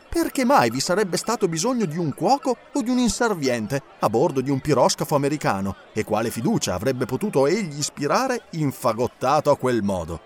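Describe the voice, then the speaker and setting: A man reading a novel aloud as narrator, in an expressive, lilting way. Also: mid-range voice. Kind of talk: audiobook reading.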